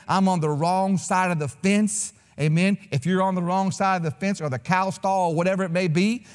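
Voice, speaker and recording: Pastor, man, 50s, high-pitched, folksy sermon delivery, long church reverb. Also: a little mellow. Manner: folksy, conversational preaching with frequent "amen?". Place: church sanctuary.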